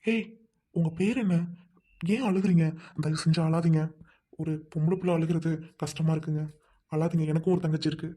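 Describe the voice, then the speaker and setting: A woman voicing a kind young man who gently coaxes a crying stranger and jokes a little. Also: sits low, fairly even intonation, a little fast, pauses often. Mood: coaxing. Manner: soothing, coaxing, lightly joking. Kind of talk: amateur dialogue drama.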